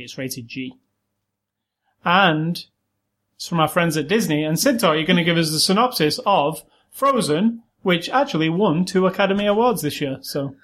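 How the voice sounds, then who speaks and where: A man's voice: a little high, a bit bright. A British man hosting a podcast in a casual style, with dry, teasing humour. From United Kingdom. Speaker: podcast host.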